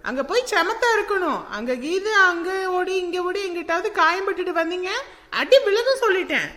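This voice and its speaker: A woman's voice: extremely high pitch, animated, a little fast, fairly bright tone, big-room sound. A woman playing a busy young mother and daughter-in-law, who scolds and teases her child. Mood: brisk. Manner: scolding, bustling, teasing a crying child. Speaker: daughter-in-law in a family drama. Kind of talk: family drama acting.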